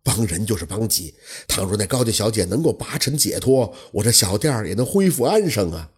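A nervous old innkeeper, low and hushed, apologizing and sighing as he speaks, as a male storyteller plays him. The voice sits deep and breathy, almost muttered. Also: sing-song, fairly quick, heavily acted.

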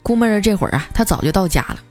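Woman, comic storyteller, animated pitch, playful delivery, faint background music. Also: rapid-fire. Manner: lively, playful, often laughing through punchlines. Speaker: radio comedy host.

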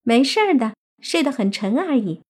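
A woman's voice: high voice, big pitch swings, normal speed, darkish tone, husky, pitched above the performer's own voice, heavily acted. A woman voicing a playful, cute young female fox spirit in a coy, sweet, bubbly way. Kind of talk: audiobook character voice.

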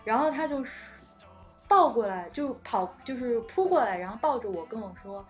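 Soft-spoken mother with a lively high voice. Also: normal speed, faint music behind. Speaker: mother, podcast guest. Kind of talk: casual chat.

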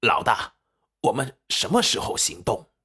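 A man's voice: mid-range voice, big pitch swings, unhurried, pushed and bright, slightly rough, heavily acted. A man voicing an eager, fawning and crude pirate underling in an audiobook. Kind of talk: audiobook character voice.

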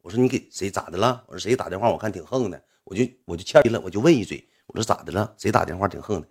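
Speaking in a rapid-fire, husky voice that sits low, a young man with a Northeastern Mandarin accent tells a casual, animated story and acts out its characters.

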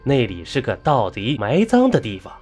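A man narrating a ghost story in an animated, exclamatory storytelling manner. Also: mid-range voice, normal speed, husky, faint music behind.

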